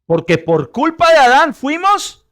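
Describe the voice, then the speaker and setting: A middle-aged male pastor with a high-pitched voice delivers a sermon full of humor. He keeps checking that his listeners are with him and shifts from loud, emphatic lines to quiet asides. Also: very animated, unhurried. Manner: jokes with the congregation, swings from loud emphatic peaks to quiet asides; asks the congregation if they follow.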